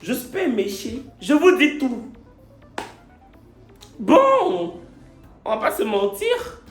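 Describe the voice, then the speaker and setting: A man's voice: extremely high pitch, huge pitch swings, slow pace, echoey room, soft background music. A man telling his own love story to camera, a little tipsy late at night, theatrical and repetitive, playing with words. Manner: theatrical, repetitive, playful wordplay. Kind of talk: comic confessional vlog.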